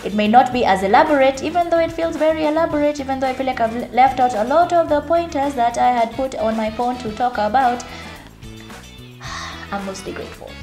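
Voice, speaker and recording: A woman's voice: high-pitched, a little fast, a little mellow. Woman in her 30s, open and chatty, bit teary, echoey room. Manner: candid and chatty, tearful at times. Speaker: media personality and vlogger. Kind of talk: emotional reflective talk to camera. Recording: roomy echo with faint music.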